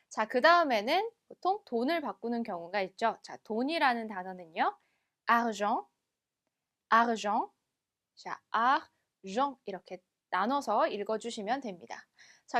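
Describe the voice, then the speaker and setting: A woman teaching a French lesson, explaining step by step and slowly repeating each word twice. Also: fairly high pitch. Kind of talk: recorded language lesson.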